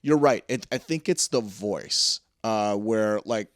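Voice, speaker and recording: A man co-hosting a podcast in casual chat, excitable and swearing freely, with lots of fillers and restarts. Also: on the low side, slow, dry recording, clean studio sound. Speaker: podcast co-host.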